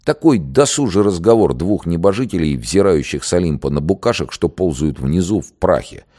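A man narrating and commenting on a historical record in an expressive, wry storytelling manner. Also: sits low, moderate pace.

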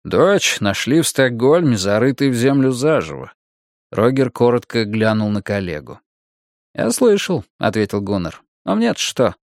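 A man of middle pitch narrating a novel in a steady, measured reading voice. The recording is dry and close, with no room around him. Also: no echo. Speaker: audiobook narrator. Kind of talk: scripted narration of a crime novel.

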